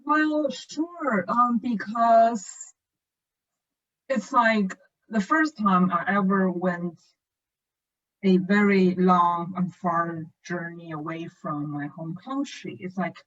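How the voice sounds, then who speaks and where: A woman in her late twenties from northern China, speaking English with a Chinese accent, a first language of Chinese, in a thoughtful, measured podcast chat over a remote call. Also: lowish voice, steady tone, fairly bright tone. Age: late 20s. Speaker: podcast co-host. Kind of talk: casual conversation. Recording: muffled lo-fi call audio.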